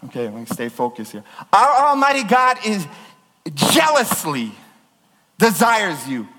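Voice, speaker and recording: A man preaching with fervent, emphatic force, his fairly high voice rising and falling in wide swings. His words ring out with a long reverb that fills a large church. He pushes hard on key words, nearly yelling. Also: wildly swooping pitch, measured pace. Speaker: pastor. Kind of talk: sermon.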